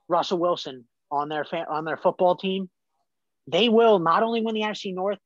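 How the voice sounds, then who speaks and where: A man's voice: fairly high pitch, fairly bright tone, no room sound, highs cut off. A man co-hosting a sports talk show, emphatic and opinionated, making bold predictions. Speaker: co-host.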